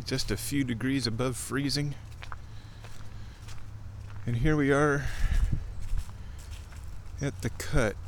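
Strolling outside with light wind and outdoor sounds around him, this casual-show host, who is also a chairman, narrates his walk in a loose, observational ramble. He speaks slowly in a mid-range voice with fairly even intonation and long pauses.

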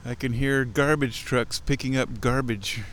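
A podcast host and chairman rambles through observations as he walks outdoors, hosting a casual show. His medium-pitched voice is fairly even, unhurried and a bit bright. The low-quality recording carries breezy walking noise, light wind and outdoor ambience.

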